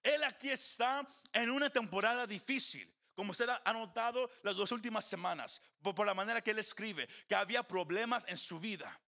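A man's voice: high-pitched, a little fast, pushed and bright. A male pastor preaching a sermon in an earnest manner, often repeating words and slipping into English phrases. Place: church.

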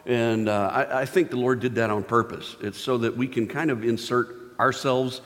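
A male pastor tells a Bible story like a friendly chat, slipping in jokes and lots of fillers. His medium-pitched voice rings out with a long reverb tail from a large hall. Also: fairly even intonation, normal speed. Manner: casual storytelling with playful voiced asides and many fillers. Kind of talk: sermon.

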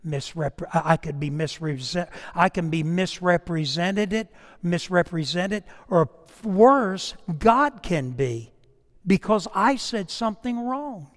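Preacher, male, higher voice, folksy storytelling sermon, echoing church hall. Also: expressive, slow. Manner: conversational storytelling preaching, rising and dropping to a hush.

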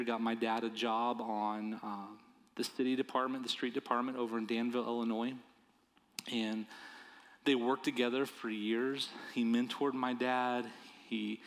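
A male pastor giving a sermon in an earnest, conversational way, often stumbling over and repeating the first words of a phrase. His voice sits at an ordinary middle pitch for a man. The church around him adds a long, trailing reverb to every word. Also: fairly bright tone. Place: church sanctuary.

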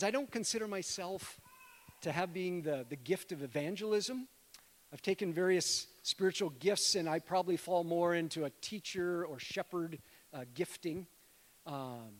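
A man's voice: high-pitched, lively intonation, normal speed. A middle-aged man preaching a sermon in a church, talking to the congregation in a conversational way and calling them friends. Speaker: guest preacher, missionary. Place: church sanctuary. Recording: long hall reverb.

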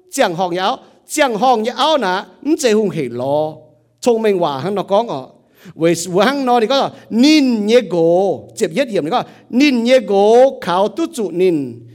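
A man preaching a sermon as pastor, with a rising and falling delivery. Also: high voice.

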